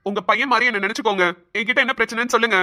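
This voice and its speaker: A woman's voice: fairly high pitch, steady tone, rapid-fire, voice pushed down, lightly acted. A woman voicing a bold, caring young man in a cartoon who coaxes an older woman to share her troubles. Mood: coaxing. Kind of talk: cartoon voice acting.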